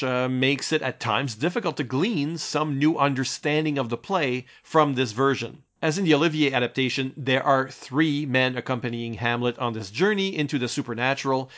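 A man delivering scripted analytical commentary as a critic, in a measured, literary, explanatory way. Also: mid-range voice, a bit bright. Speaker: narrator and film critic. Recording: dull, slightly lo-fi voice track.

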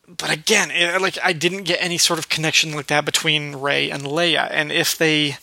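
A man's voice: a little high, little pitch movement, moderate pace, creaky, bright, forceful tone, dry recording, poor audio. A man hosting a podcast, talking things through in a casual, thoughtful discussion. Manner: thoughtful, musing. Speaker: podcast host.

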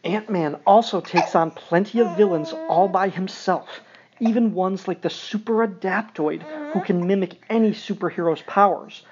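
A middle-aged man with a high-pitched voice reads a picture book to a young child at a moderate pace, dropping in wry, informal, conversational asides. Crowd noise sits in the background, and the audio is dull and muffled.

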